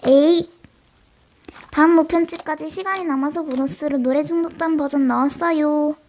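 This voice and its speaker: Teen girl, high bright pitch, slightly sore throat, mock livestream role-play, bickering with chat. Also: fairly even intonation, moderate pace. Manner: talks straight to imagined chat viewers, scolding and chatty. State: mild sore throat from a cold. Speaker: solo role-play creator.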